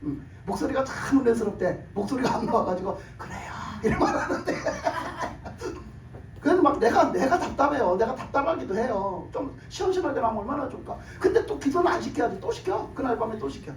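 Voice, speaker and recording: Very high-pitched hoarse preaching man. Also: animated, quick pace, hardly any pauses, slight background noise. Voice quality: hoarse, broken voice from years of shouted prayer. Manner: emphatic, rhetorical questions, laughs while preaching. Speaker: pastor. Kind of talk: sermon. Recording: echoey room, mic at a distance.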